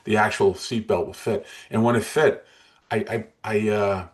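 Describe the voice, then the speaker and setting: A man's voice: on the low side, fairly even intonation, normal speed. A man in his sixties, an interview guest telling his story in an earnest, emotional way with frequent restarts. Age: 60s.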